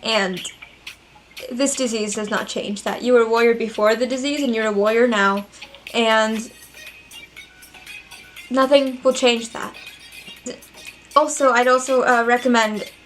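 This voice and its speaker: A woman's voice: on the high side, steady tone, measured pace, pauses often, soft background music. A young woman answering viewer questions in a casual vlog, candid, chatty and earnest. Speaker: vlogger.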